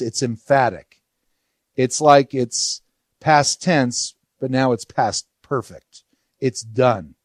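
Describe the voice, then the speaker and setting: A man's voice: mid-range voice, dry recording, clean studio sound. A man teaching a Bible study verse by verse, explaining in a conversational way and asking rhetorical questions.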